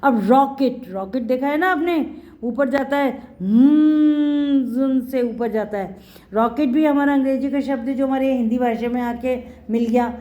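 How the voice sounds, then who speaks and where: A woman's voice: high voice, normal speed, darkish tone. A middle-aged woman teaching a Hindi spelling lesson to children, patient and repetitive, often calling her pupils "beta".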